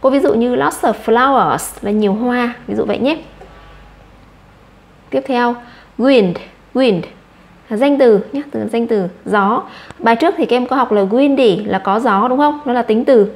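Vietnamese woman teaching English words. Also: a little high. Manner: repeats each English word slowly, then explains it. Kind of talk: vocabulary lesson for children.

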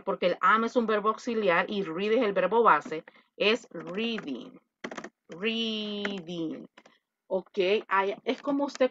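A woman's voice: medium pitch, a bit bright, lo-fi sound. A woman teaching an online English class, mixing Spanish and English and correcting pronunciation. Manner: switches between Spanish and English.

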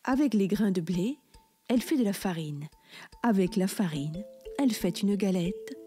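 A woman telling a children's story aloud, slow, clear and expressive. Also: mid-range voice, faint music behind.

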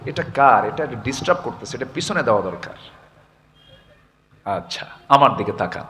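A man's voice: mid-range voice, big pitch swings, normal speed, a bit bright. A male preacher giving an impassioned sermon, chanting scripture verses and putting questions to the listeners.

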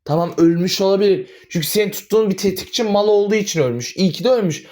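A man voicing a hot-headed young man who shouts back defiantly in an animated drama. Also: high voice, rapid-fire. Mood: furious. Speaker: voice actor in amateur animated drama.

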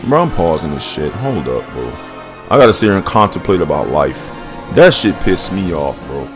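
A deep-voiced man gives off-the-cuff gameplay commentary with loud game music behind him. He talks in slang and curses constantly, sounding like an exasperated player venting to his viewers. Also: very animated, normal speed. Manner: profane, slangy, mock-exasperated ranting. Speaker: gamer commenting over gameplay. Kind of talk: casual let's play commentary. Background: game music and dialogue.

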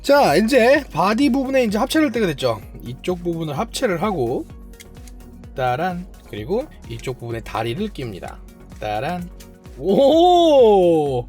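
Kit builder narrating a build, swooping pitch, self-praising, muttering to themself, faint music underneath. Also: very animated, unhurried, darkish tone. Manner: chatty, talks to self while building; playfully boastful, self-praising. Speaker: model kit reviewer. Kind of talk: hands-on build commentary.

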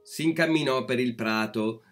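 Slow, calm male fairy-tale narrator. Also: medium pitch, soft background music. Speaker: storyteller. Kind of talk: storybook reading.

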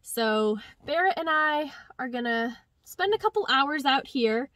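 A woman's voice: high-pitched, expressive, measured pace, fairly bright tone, dry recording. A young woman vlogging casually to the camera from inside a parked car, chatty and upbeat. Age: young adult. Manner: chatty, upbeat, talks to her dog. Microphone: phone or camera at arm's length.

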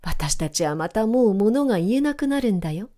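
A woman voicing a dignified female spirit of light, measured and reproving, in a storybook reading. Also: mid-range voice, expressive, dark tone, close to an everyday voice. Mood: hushed.

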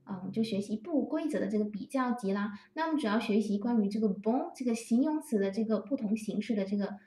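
A woman teaching French grammar to Chinese-speaking learners, patiently explaining and slowly repeating example phrases. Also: fairly high pitch, lively intonation, warm tone. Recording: roomy echo, distant from the mic.

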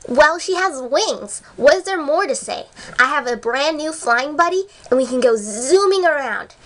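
A girl voicing a brash, boastful female cartoon pony who drawls her lines slowly. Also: high-pitched, lively intonation, fairly bright tone, low-quality recording. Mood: cocky.

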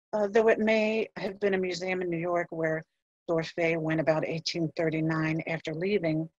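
A museum curator, a woman, reads a prepared history presentation from notes, measured and with some fillers. Her voice is on the low side. The lo-fi recording carries no room sound.

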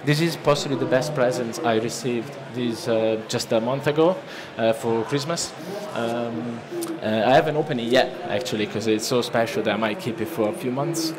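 Speaking at a normal speed with hardly any pauses, a man in his thirties from Italy uses his mid-range, Italian-accented voice for a relaxed seminar talk riddled with restarts and fillers. He presents at a lectern in a large conference hall, through a lectern microphone, with crowd noise from the listening audience.

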